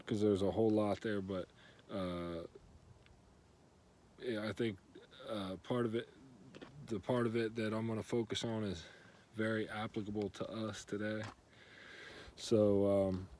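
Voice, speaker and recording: A man giving a casual church devotional, relaxed and conversational, with lots of fillers as he retells a story in plain everyday words. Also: lowish voice, a little hiss or hum.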